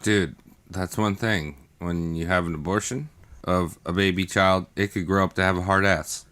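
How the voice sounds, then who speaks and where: A man on a comedy podcast, throwing in goofy, shouty jokes. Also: deep voice, fairly even intonation, moderate pace. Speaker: co-host. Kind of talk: casual comedy podcast chat.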